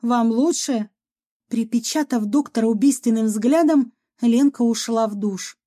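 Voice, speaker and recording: A woman reads a story aloud in a lively, expressive way. Her voice is mellow and warm, pitched a little high. It sounds like an audiobook narration. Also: moderate pace.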